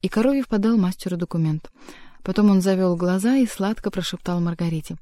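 Audiobook narrator: woman, mellow and dark-toned, dry close recording, measured delivery. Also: mid-range voice, no echo. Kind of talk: scripted narration.

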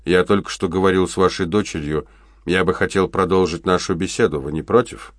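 A man reading an audiobook, voicing a calm, polite police chief who speaks with patience. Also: low voice, a little fast, no echo, studio quality, close to an everyday voice. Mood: patient. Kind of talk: audiobook character voice.

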